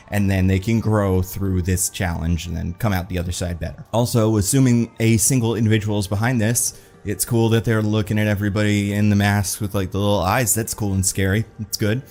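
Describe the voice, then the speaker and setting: A man giving a casual, chatty review of a TV episode, animated and full of "like" fillers. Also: fairly low pitch.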